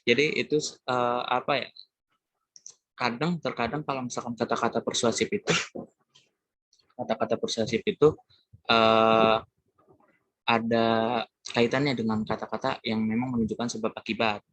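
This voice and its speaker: A man's voice: medium pitch, little pitch movement, moderate pace, pauses often, a bit bright, dry recording. A young man from Indonesia giving a class presentation, talking casually to his classmates with many hesitant fillers. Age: young adult. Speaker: student presenter.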